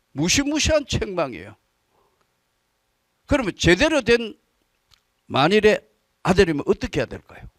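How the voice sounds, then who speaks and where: A male pastor preaches an evening sermon in a high, very lively voice, swinging widely in pitch as he tells the story with drama. The recording is close and dry. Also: no echo. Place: church service.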